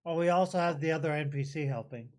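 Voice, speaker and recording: A man's voice: on the high side, fast, a little mellow. A man playing a tabletop game, chatting and asking the game master questions. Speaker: player. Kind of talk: casual tabletop play.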